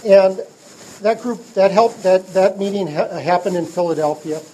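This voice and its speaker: Middle-aged guy giving a talk to a trade crowd, lots of uh's, mellow voice, kinda stop-start. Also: sits high, fairly even intonation, slight background noise, low-quality recording. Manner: halting, many uh fillers and restarts. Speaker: speaker addressing a trade group. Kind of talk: public speech with storytelling.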